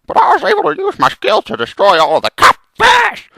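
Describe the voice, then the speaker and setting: Man doing a creaky, wildly swooping frog hero. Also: extremely high pitch, huge pitch swings, brisk, sharp tone, dry recording, heavily acted. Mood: dramatic storytelling. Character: melodramatic, vengeful male frog hero telling his journey. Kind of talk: amateur comic storytelling, theatrical.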